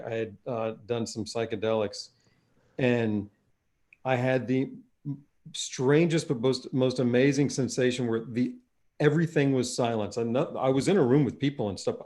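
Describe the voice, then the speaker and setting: A man's voice: mid-range voice, darkish tone. A man co-hosting a podcast, chatting in a loose, profane way and laughing often. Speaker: podcast co-host. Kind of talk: casual chat.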